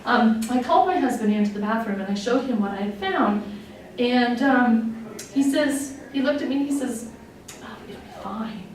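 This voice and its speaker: A woman's voice: a little high, normal speed. A woman in her forties from Wyoming, a nurse executive telling her own story in a candid, conversational way, with many fillers and open emotion. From Wyoming, USA. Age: 40s. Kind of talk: personal testimony talk. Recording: echoey room, distant mic, faint noise.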